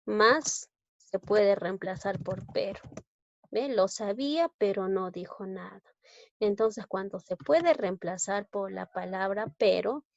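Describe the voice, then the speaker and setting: A woman's voice: mid-range voice, creaky, darkish tone, no room sound. A woman teacher with a Peruvian Spanish accent giving a grammar lesson, explaining step by step and checking in with "¿no?" and "¿ya?". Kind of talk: slow, deliberate grammar lesson. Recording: dull, lo-fi dry recording.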